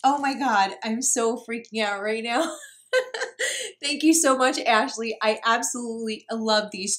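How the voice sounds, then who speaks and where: A woman's voice: fairly high pitch, fairly bright tone. A woman from New York chatting casually as she unboxes craft mail, gushing and laughing often. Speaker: craft vlogger.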